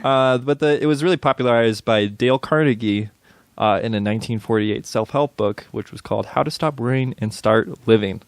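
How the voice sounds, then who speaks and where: A man's voice: mid-range voice, fairly quick, no room sound. A young man co-hosting a podcast, talking in a casual, hesitant way with lots of fillers and easy laughs. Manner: hesitant, many fillers and restarts, laughs easily. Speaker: podcast co-host. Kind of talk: casual chat.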